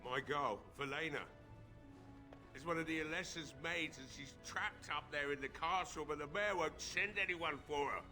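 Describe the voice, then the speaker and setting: A man's voice: a little high, normal speed, pushed and bright, soft background music. An actor playing a grieving, stubborn old male blacksmith who drinks, in a fantasy game, talking in a bitter, despairing, pleading way. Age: older.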